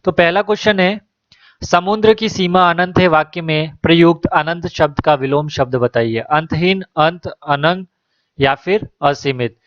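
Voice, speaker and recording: A man's voice: on the high side, a little slow, fairly bright tone, no echo. Man teaching exam questions, dull lo-fi. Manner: reads options then gives answer.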